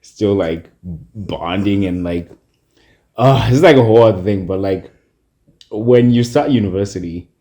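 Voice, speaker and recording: A man from Zimbabwe co-hosting a casual podcast chat, relaxed and thoughtful, with frequent fillers. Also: fairly low pitch, a little slow. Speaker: podcast co-host.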